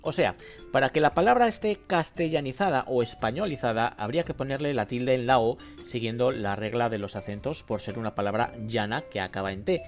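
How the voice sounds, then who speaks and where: A man hosting a language lesson podcast, explaining in a lively, teacherly way. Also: mid-range voice, brisk, faint music behind. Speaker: host.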